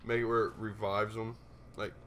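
A man's voice: fairly low pitch, little pitch movement, moderate pace, fairly bright tone, slight background noise. A man from the United States joking and teasing his friends in a casual gaming chat.

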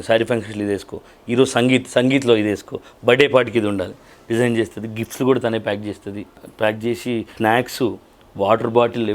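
Lively man with a Telangana accent. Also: on the low side. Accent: Telangana Telugu. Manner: lively storytelling with colloquial dialect. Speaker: event organizer and mimicry artist. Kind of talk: interview answers, casual.

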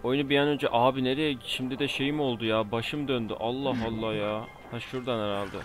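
A man's voice: mid-range voice, steady tone, fairly quick. Exasperated young man narrating gameplay. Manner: exasperated, talks back at enemies, exclaims often. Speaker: gamer. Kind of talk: casual let's play commentary. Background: faint game music.

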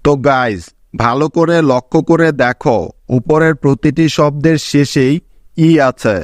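A man teaching English pronunciation rules in a scripted lesson, reading out example words one at a time in a deliberate manner. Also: a little high, no room sound, studio quality.

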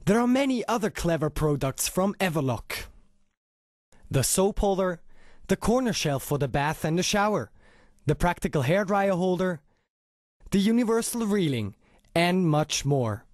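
High-pitched male hard-sell infomercial announcer. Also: lively intonation, a little slow, no echo, studio quality. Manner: emphatic sales pitch with rhetorical questions.

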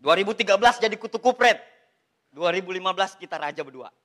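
An Indonesian man speaks as a motivational speaker to a seminar audience. His voice sits high and sounds bright and forceful. He jokes and keeps the delivery animated, turning to the room again and again. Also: fast talker. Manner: lively, joking, addresses listeners as Pak.

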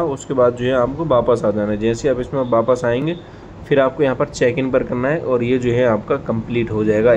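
A man's voice: medium pitch, a little mellow. A man casually walking viewers step by step through a mobile app, leaning on repeated fillers like "okay" and "here". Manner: repetitive fillers, frequent "ठीक है". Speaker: tech tutorial host. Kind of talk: casual screen-recorded app walkthrough. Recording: slightly dull lo-fi audio with faint noise.

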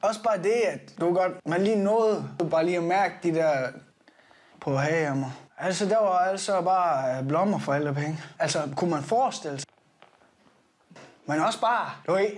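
A man's voice: fairly high pitch, close to an everyday voice. An actor playing a crude, boastful young party guy who rambles and keeps correcting himself in a comedic confessional monologue. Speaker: comic character recounting a trip.

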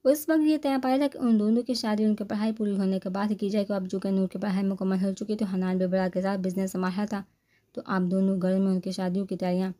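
A woman reads a romance novel aloud in a steady, unhurried narration. Her voice is mellow and soft at the edges, and her pitch stays level, with little melody. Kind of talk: novel reading.

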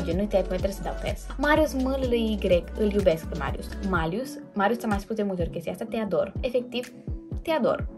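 A young woman, chatting casually and hesitantly as the host of her own vlog. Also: a little high. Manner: chatty and hesitant, many fillers and self-corrections. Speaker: YouTuber host. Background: background music.

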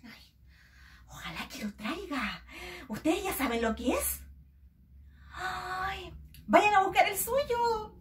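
A woman teacher giving a children's phonics lesson, sounding out letters slowly in a sing-song way. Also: extremely high pitch, lively intonation, distant mic, slight background noise.

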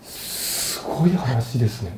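A man's voice: medium pitch, animated, takes it slowly, darkish tone, echoey room, in a whisper, rough recording. A man hosting a conversational interview, reacting to the story and asking eager follow-up questions. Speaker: host.

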